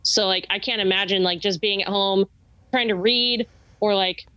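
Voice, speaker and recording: A woman's voice: mid-range voice, fairly even intonation, normal speed, bright, forceful tone, highs cut off. A young woman in casual conversation, rambling through her thoughts with lots of fillers and the odd curse word. Her voice sits in a middle range and sounds dry and close, with no room echo. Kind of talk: casual chat.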